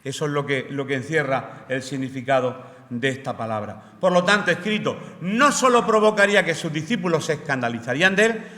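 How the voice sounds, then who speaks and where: Bright-voiced man preaching in a church. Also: on the high side, lively intonation, fairly quick. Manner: explanatory, asks the congregation rhetorical questions. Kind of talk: sermon. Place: church hall. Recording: roomy church hall reverb.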